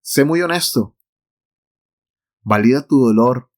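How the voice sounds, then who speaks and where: A man's voice: medium pitch, expressive, slow pace, darkish tone. A man giving a devotional talk to the listener, emphatic and repeating his key phrases. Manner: speaks directly to the listener.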